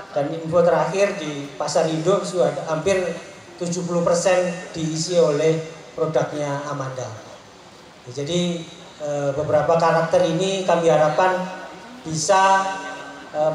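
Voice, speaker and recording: A middle-aged man pitching a seed product to farmers at an outdoor event, upbeat with filler pauses. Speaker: seed company representative. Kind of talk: public speech at a farm product launch. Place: outdoor tent event in a village. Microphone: microphone on stand through loudspeakers. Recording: booming PA echo, distant, faint music.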